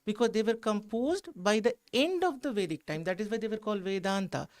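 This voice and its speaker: A man with an Indian accent, a history teacher at an exam coaching institute, delivers an explanatory, emphatic analysis of an exam. His voice is high and a little fast.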